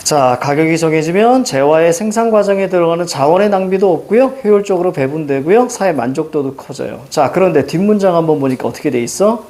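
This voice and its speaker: A middle-aged man teaching a reading lesson, quizzing students with quick questions and a repeated "now". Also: fairly high pitch, expressive, a little mellow. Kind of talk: recorded lecture explaining a reading passage.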